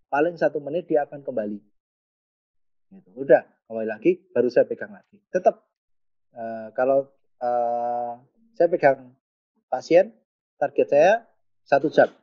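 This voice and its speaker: A man speaking as a pediatric physiotherapist answering webinar questions, explaining in detail with light joking. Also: fairly high pitch. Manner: explanatory, joking, with a Javanese touch. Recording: dull lo-fi online call audio.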